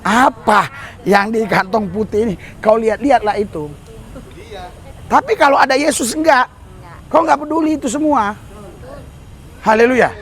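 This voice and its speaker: Under a bridge outdoors, a man with a very high-pitched, fairly bright voice preaches to a congregation at a normal pace with long pauses. He exhorts the crowd, calling them "saudara" and urging their amens and hallelujahs.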